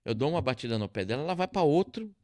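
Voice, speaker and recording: A man's voice: a little high, very fast, dry recording, clean studio sound. A man, a pastor hosting a podcast, telling stories in a casual chat and laughing often. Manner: animated storyteller, laughs often.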